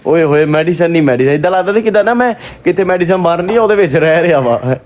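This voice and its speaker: A man's voice: fairly high pitch, expressive, fast talker, darkish tone. Pakistani Punjabi man vlogging, faint noise. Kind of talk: casual vlog chat.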